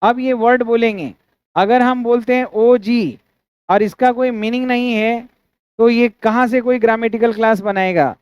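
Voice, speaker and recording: Indian male grammar teacher, very high smooth voice, dry lo-fi recording, keeps checking students follow. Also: fairly even intonation, moderate pace, no echo. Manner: asks students frequent checking questions; spells out words syllable by syllable. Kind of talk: classroom grammar lecture. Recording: dry, dull lo-fi sound.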